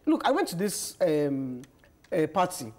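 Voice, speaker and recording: Lively-voiced middle-aged woman. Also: sits low, unhurried. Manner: emphatic storyteller, laughs often. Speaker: panel guest. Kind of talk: casual panel discussion. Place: TV studio set.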